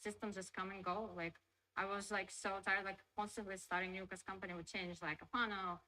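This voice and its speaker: A woman's voice: medium pitch, flat delivery, a little fast, bright, forceful tone, rough recording. A woman from Russia speaking English with a Russian accent as an interview guest. She chats loosely, filling her sentences with "like" and "you know". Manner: chatty, loose phrasing full of "like" and "you know". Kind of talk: casual interview.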